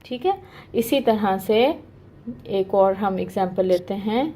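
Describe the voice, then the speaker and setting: A mellow, medium-pitched woman's voice, delivered at a measured pace with a little hiss or hum in the background, guides an online Quran recitation lesson. She explains step by step with patience, says "okay" to check in, and draws out demonstrated sounds.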